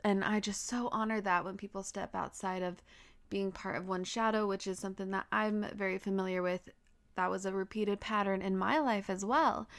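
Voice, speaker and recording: A woman's voice: mid-range voice, a bit bright, clean tone. A woman hosting a podcast in a casual, chatty way, with a stuffy nose from a cold. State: getting over a cold, stuffy. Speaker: podcast host. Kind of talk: scripted-feeling podcast intro, casual chat.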